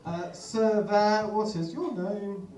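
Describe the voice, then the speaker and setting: A man performing live stand-up comedy, delivering deadpan one-liners and leading the audience in call-and-response. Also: high-pitched, slow pace. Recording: roomy live room, far from mic, crowd noise.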